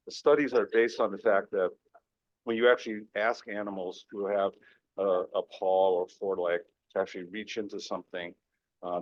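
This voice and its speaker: A man presenting research as a urology professor at a conference talk to a live audience, steady and filling pauses with "uh". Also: deep voice, dry recording. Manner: steady, lots of "uh" fillers. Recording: dull lo-fi sound.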